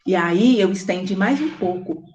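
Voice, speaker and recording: A woman host with a Brazilian Portuguese accent, talking casually to her audience and telling stories with animated, acted-out dialogue. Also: medium pitch, normal speed, dull audio. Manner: animated storytelling, acting out quoted dialogue; married woman recounting daily life.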